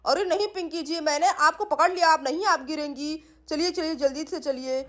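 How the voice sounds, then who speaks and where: A woman doing a gruff-voiced young husband. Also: moderate pace, fairly bright tone. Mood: helpful. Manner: mock-low voice, joking and chiding. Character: deep-voiced young husband, easygoing and teasing. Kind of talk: doll-play storytelling.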